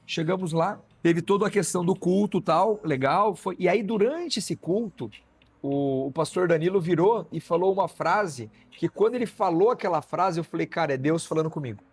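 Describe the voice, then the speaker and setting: A man tells his story as a guest in a sit-down conversation. His voice sits a bit high and is husky, and he slips into the voices of the people he quotes, checking in often with his listener. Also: moderate pace. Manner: storytelling, acts out quoted dialogue, frequent "né?" tags. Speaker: guest physician. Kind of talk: personal testimony in a conversation.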